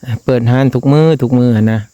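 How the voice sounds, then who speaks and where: A man with a Lao accent chatting casually to his viewers, with lots of drawn-out fillers. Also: mid-range voice, fairly even intonation, dark tone, no room sound, muffled recording. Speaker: vlogger.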